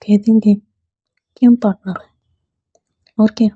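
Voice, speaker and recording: A woman's voice: medium pitch, fairly even intonation, takes it slowly, breathy edge, no echo, dull audio. A woman voicing a playful, confident young woman in love, speaking in a teasing, tender way, in a storybook reading. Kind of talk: storybook dialogue read aloud.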